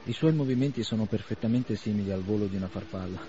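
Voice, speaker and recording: A man narrating a novel aloud in a measured, expressive radio reading. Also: on the low side. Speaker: reader. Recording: slightly dull radio recording with faint noise.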